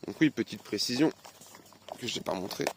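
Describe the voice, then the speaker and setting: A man casually unboxing and reviewing a replica pistol, chatty and animated, reading off specs with many fillers. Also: medium pitch, brisk, background noise. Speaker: airsoft unboxing vlogger.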